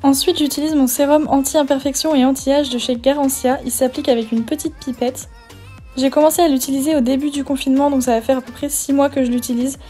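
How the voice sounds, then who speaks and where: Fast-talking young woman beauty vlogger. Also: sits high, steady tone, mellow. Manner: chatty, enthusiastic product commentary. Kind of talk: get-ready-with-me voice-over. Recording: faint background music.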